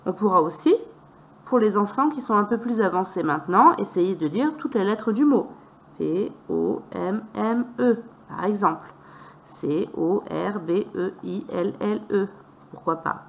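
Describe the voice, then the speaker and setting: A woman teacher explains a beginner reading method at an unhurried, measured pace. She breaks words into syllables and stretches single sounds so a child can copy them. Her pitch sits in an ordinary middle range. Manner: slow, deliberate, sounding out syllables and letters.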